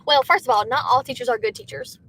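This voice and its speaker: Young Southern woman, chatty gig-driver streamer talking to her chat from a car, slightly high voice. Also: very animated, fast, fairly bright tone, slight background noise. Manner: chatty, reads viewer comments aloud. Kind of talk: casual livestream chat.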